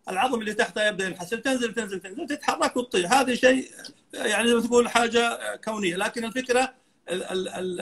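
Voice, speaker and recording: A man's voice: sits high, a bit bright. A man, a dentist guest in an interview, earnestly explaining and dropping English medical terms into his talk.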